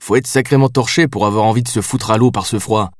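A man's voice: on the low side, steady tone, quick pace, a little mellow, no room sound, studio quality, close to an everyday voice. A man doing a grumbling tired male lieutenant. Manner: evasive, grumbling. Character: grumbling weary male river-police lieutenant.

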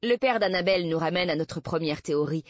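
A woman reading an audiobook as narrator, in an even, measured way, close to the microphone. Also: fairly low pitch, no echo. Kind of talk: scripted narration.

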